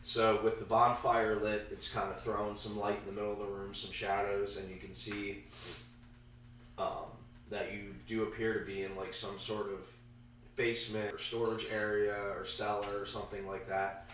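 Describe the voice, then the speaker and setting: A man with a gravelly, congested voice, casually and haltingly narrating a tabletop game as game master. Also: on the low side, level tone, a bit bright. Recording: echoey room, far from mic, faint noise.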